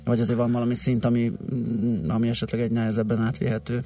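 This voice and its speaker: A man's voice: mid-range voice, monotone, warm tone, far from the mic. A man hosting a business radio show, asking questions in a conversational way and giving brief acknowledgements. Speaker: radio host.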